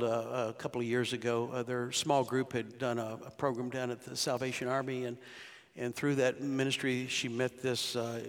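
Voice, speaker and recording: Older pastor preaching in a reverberant church. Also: male voice, medium pitch. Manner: conversational preaching, rhetorical questions, voices quoted figures. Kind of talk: sermon. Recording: long hall reverb.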